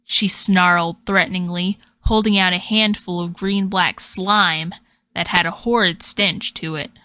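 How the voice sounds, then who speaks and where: Woman reading a spooky story out loud, dramatic, dry close mic. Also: lowish voice, unhurried, no echo. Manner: expressive, dramatic. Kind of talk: scripted storybook narration.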